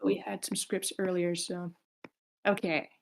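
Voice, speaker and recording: With a lowish, creaky voice and a flat, measured delivery, a woman organizes an online table read, handing out parts in relaxed, polite group chat over a voice call.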